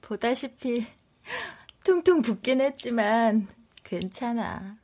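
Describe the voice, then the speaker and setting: A woman's voice: fairly high pitch, expressive, takes it slowly, darkish tone. An actress in her thirties playing a proud but apologetic pregnant wife in a radio drama, talking emotionally. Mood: tender. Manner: emotional, wheedling then teasing.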